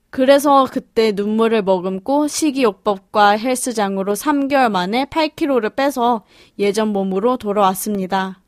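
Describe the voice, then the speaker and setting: A woman's voice: mid-range voice, no echo. Giggly woman podcast host, dry sound. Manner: giggly, chatty, with frequent fillers. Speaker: podcast host reading listener stories. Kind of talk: casual podcast chat.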